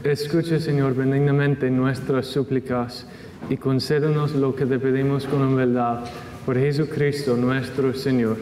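A man's voice: mid-range voice, flat delivery, unhurried, warm tone. A man, a priest leading Mass, recites the creed and prayers in a liturgical style inside a large church. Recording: very noisy church recording.

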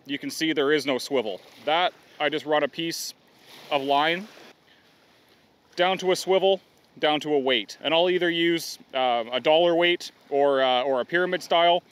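A man's voice: a little high, fairly bright tone. A middle-aged man, giving a practical outdoor how-to on a riverbank, with plain explaining and some fillers. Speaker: fishing guide demonstrating gear.

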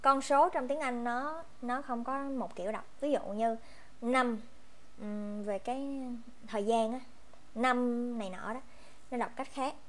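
A woman with a Vietnamese accent teaching English, reading numbers and sentences out slowly and carefully. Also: fairly high pitch, a bit bright. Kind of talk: online English lesson, mixing Vietnamese and English.

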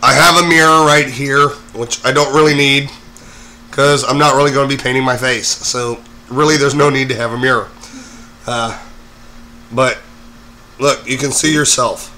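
Hoarse man with a bright voice. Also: medium pitch, steady tone, moderate pace, long pauses, a little hiss or hum. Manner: rambling, many fillers. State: hoarse, recovering from a cold. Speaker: host of a live makeup show. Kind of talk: casual live-stream tutorial.

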